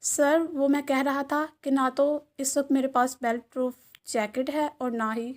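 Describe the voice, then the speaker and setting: A woman's voice: high-pitched, fairly even intonation, moderate pace, natural voice. A woman voicing a nervous young male assistant who stammers and flusters before his boss.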